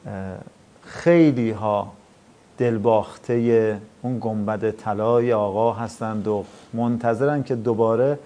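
Mellow-voiced male talk show host. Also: lowish voice, steady tone. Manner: measured, devotional, with hesitation fillers. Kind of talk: program host closing remarks.

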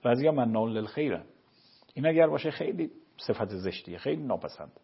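Male cleric, husky and raspy, patient explainer, slightly muffled audio. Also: mid-range voice, animated. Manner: measured, explanatory, quotes scripture. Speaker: cleric answering religious questions. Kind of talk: explaining religious rulings on a show.

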